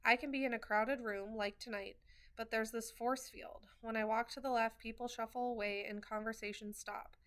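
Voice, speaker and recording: A woman's voice: fairly high pitch, steady tone, normal speed, a bit bright. A woman reading a first-person novel chapter aloud, in an earnest way with wry asides and small restarts. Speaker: reader of a novel.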